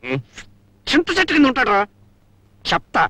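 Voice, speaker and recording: A scheming, boastful father in an old film, with a very high, bouncing voice and a bright, tense tone. He talks fast and theatrically, with music under the dialogue of an old soundtrack. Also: huge pitch swings, a little hiss or hum, full character voice. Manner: theatrical, wheedling, repeats a pet word. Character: scheming boastful middle-aged father, comic.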